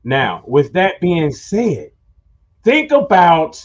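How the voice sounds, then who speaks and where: A man's voice: on the high side, huge pitch swings, very slow. A man hosting a talk show, chatting casually and telling rambling stories, calling his listeners y'all. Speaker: show host. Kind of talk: casual chat. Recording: dull lo-fi sound.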